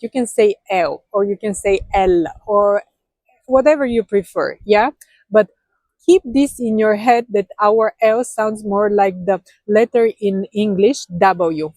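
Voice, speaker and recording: A woman's voice: medium pitch, a little mellow, no room sound, rough recording. A woman from Bulgaria with a Bulgarian accent, teaching her language in English in an earnest explanatory style, often rephrasing and demonstrating sounds. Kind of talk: explanatory video lesson.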